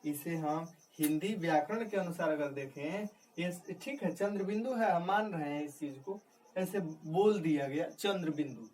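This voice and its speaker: A man with a fairly high, slightly mellow voice teaches a grammar lesson, repeating key words and answering the questions he asks himself. The delivery is repetitive, and a distant mic picks up faint background noise.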